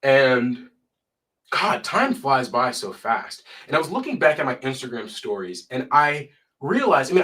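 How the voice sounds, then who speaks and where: A young man hosting a casual live stream from his desk, his voice stuffy from a cold. He reads out figures and breaks off into chatty asides, at a middling pitch. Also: a bit bright. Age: young adult.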